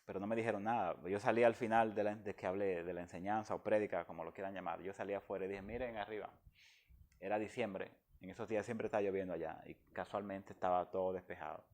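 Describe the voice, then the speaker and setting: Deep-voiced man giving earnest testimony. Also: fairly even intonation, fast, a little mellow. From Dominican Republic. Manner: earnest and heartfelt. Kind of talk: emotional personal testimony.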